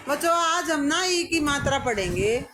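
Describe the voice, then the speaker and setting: A schoolteacher with a high, expressive voice teaches her pupils at a moderate pace, calling on them and praising or correcting their answers. The classroom is echoey, and music plays over the recording.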